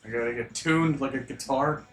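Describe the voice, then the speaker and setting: A man's voice: medium pitch, normal speed, distant mic. A man casually reacting and commenting as he plays through a game. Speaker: game streamer. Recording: echoey room, faint game music.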